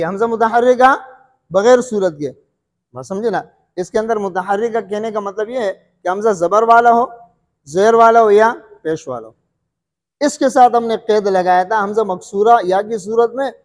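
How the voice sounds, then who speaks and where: A man's voice: very high-pitched, long reverb tail. A male Quran recitation teacher giving a classroom lesson, repeating each question and answering it himself, often checking whether the students follow.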